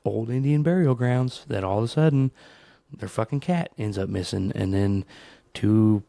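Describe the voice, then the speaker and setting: Gravelly low-voiced man ranting. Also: normal speed, no echo, clean studio sound. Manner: profane, rambling comic ranting; animated storytelling, leaps into higher voices for quotes. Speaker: podcast host. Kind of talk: solo podcast rant.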